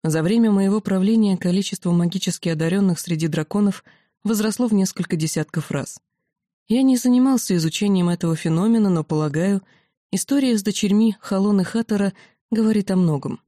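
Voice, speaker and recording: A woman voicing a calm male dragon commander who explains things patiently, in a storybook reading. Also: medium pitch, a little fast, no room sound, studio quality, close to an everyday voice. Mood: measured.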